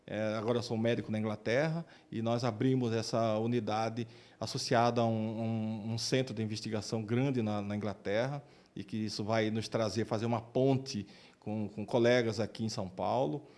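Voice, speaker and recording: Speaking at a moderate pace in a lowish, steady, slightly mellow voice, a Brazilian Portuguese-accented man responds to an interviewer. He's an oncologist and researcher describing his work as a doctor, and he tends to repeat words while finding his phrasing.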